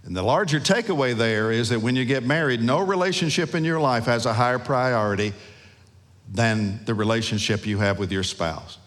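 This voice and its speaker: A man preaching a sermon as a pastor, emphatic, with rhetorical questions and dramatic pauses, in a church sanctuary. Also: medium pitch, fairly bright tone. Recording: long hall reverb.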